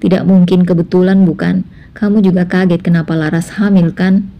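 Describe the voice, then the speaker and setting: A woman's voice: on the low side, level tone, moderate pace, dull audio, natural voice. A woman voicing a scheming middle-aged mother who coaxes and insinuates in a spoken drama story. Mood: insinuating.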